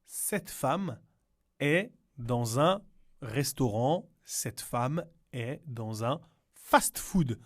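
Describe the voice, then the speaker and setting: A man teaching to beginners, repeating words slowly and explaining in Spanish, patient and clear. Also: mid-range voice, animated. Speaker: French teacher. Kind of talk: slow, clear language lesson.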